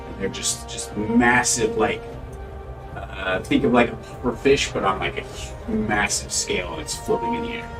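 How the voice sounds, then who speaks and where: A man narrating as game master of a tabletop role-playing game, in a deliberate descriptive way. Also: lowish voice, very animated. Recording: distant mic, music behind.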